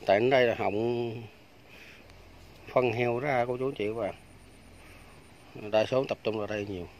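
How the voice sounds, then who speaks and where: Speaking at a moderate pace in a mid-range voice, a man casually guides viewers around a rural farm beside fish ponds, filming the walk on his phone. He's a chatty vlogger who keeps calling his audience aunts, uncles and friends, and slight background noise can be heard.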